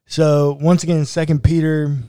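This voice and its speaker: A man, a pastor, co-hosting a church podcast in relaxed, casual chat. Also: on the high side, normal speed, smooth, dry recording, studio quality.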